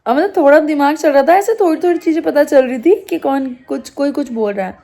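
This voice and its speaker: A young woman vlogger telling a personal story to the camera in a casual, animated way, acting out what others said. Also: high-pitched, brisk.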